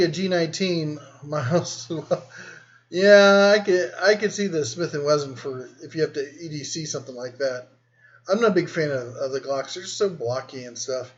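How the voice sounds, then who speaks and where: A man's voice: a little high, highs cut off. Easygoing man reading viewer comments. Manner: easygoing, rambling, reads comments aloud. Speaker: host. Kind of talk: live-stream chat reading viewer comments.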